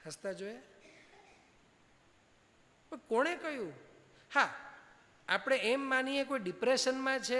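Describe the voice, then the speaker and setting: A man's voice: very high voice, sharp tone. A man giving a religious discourse as a spiritual teacher, teasing his listeners with rhetorical questions and dropping English phrases into his talk. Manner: asks the audience many rhetorical questions; playful, teasing. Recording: hall reverb.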